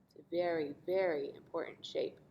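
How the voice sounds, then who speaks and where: The recording is lo-fi with slight background noise, capturing a woman's fairly low, steady voice at a moderate pace. She reads a children's picture book in a teacher-like way, giving it dramatic emphasis and asides for young listeners.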